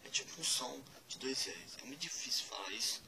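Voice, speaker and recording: A man giving a casual spoken lesson, spelling out letters one by one and repeating words slowly. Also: mid-range voice, lively intonation, vocal fry, sharp tone, a little hiss or hum, low-quality recording. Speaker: language teacher.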